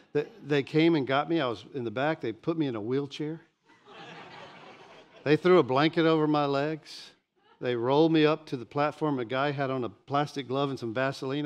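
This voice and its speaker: A man in his sixties preaching a sermon from a church pulpit, animated and often repeating words as he starts a sentence. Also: on the high side. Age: 60s. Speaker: pastor. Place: church stage behind a pulpit.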